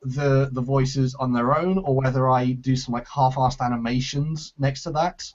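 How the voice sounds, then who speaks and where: Guy chatting about his series, mid pitch, trips over his words a lot, muffled call audio. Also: steady tone, normal speed, darkish tone. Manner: rambling, hesitant, with frequent restarts and laughs. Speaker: series creator hosting a Q&A. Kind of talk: casual group chat.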